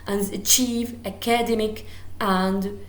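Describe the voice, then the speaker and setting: In a recorded university lecture given in English, a woman with an Algerian accent whose native language is Arabic speaks slowly in a steady, medium-pitched voice. She hesitates frequently, filling gaps and restarting, and the recording sounds roomy.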